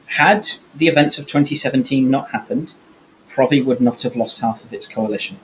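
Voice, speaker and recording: A man speaking bluntly and quickly in a casual panel discussion. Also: medium pitch, slight background noise, rough recording.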